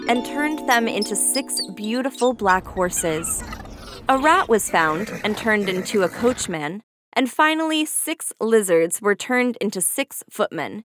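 A woman's voice: on the high side, fairly bright tone, no room sound. Woman narrating a fairy tale, dry close sound. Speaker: storyteller. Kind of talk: scripted storybook narration.

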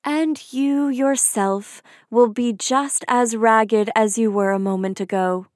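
A kindly fairy godmother as a woman puts her on speaks gently and coaxingly, taking her time over each promise. The voice is fairly high and the recording close and dry. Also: steady tone, takes it slowly, no echo. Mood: gentle.

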